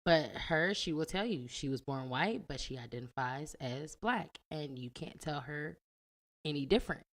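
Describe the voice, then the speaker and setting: A woman's voice: sits low, expressive, moderate pace. A woman co-hosting a casual podcast, talking emphatically and with sass, often calling listeners "y'all". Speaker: podcast co-host.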